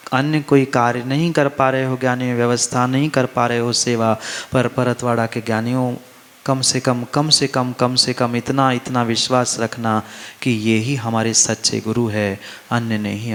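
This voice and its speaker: A man's voice: mid-range voice, level tone, a little slow. Man preaching to a festival gathering, insistent and repetitive, big echoing hall. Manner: emphatic, repeats phrases, asks the crowd questions. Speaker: Jain monk preacher. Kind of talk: sermon. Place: large hall at a religious festival. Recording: long reverb of a large hall.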